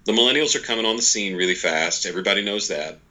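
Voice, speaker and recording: Poor audio captures a fast-talking man in his forties with a lowish, bright, forceful voice. As a podcast guest who writes books and leads an organization, he explains ideas in a folksy, emphatic manner, repeating himself and adding quoted asides.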